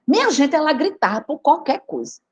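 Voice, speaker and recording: A teacher from Recife gives a storytelling talk and speaks straight to her audience. Her voice sits high and swings widely in pitch. She sounds chatty and expressive throughout. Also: a little fast. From Recife, Brazil. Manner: animated, chatty, addresses audience directly. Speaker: teacher and writer giving a talk. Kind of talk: lively storytelling lecture.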